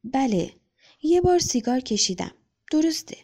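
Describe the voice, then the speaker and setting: Timid small boy, sweet and soft, high childlike voice, storybook reading by a woman. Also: sing-song, husky, full character voice. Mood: timid, defensive.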